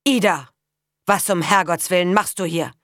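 A woman reading a stern, commanding rural father who scolds and scorns, in a loud, raised voice. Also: a little high, fairly quick, no room sound, studio quality, close to an everyday voice. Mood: stern scolding.

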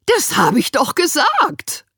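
A woman voicing a loud, fussy female social worker who exclaims in shrill, drawn-out bursts. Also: wildly swooping pitch, no echo, clean studio sound, exaggerated voice. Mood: gushing.

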